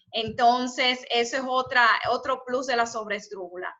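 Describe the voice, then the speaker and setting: A woman's voice: fairly high pitch, bright, forceful tone. A woman teaching a spelling class live over a video call, encouraging and praising her students' answers. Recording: dull lo-fi video call audio.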